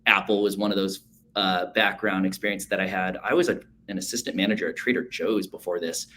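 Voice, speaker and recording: A man's voice: sits low, fairly even intonation, fairly quick, fairly bright tone, slight background noise. A man in his thirties, a guest speaking in a casual, upbeat way with frequent fillers over a video call. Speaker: associate sales manager, guest.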